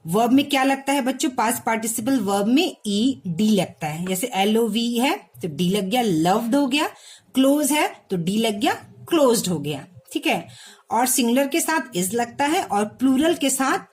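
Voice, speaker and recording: A woman's voice: fairly high pitch, animated, moderate pace. A woman teacher explaining a lesson to children, spelling words out letter by letter and often checking if they follow. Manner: repeats and checks with "ठीक है?"; addresses children directly.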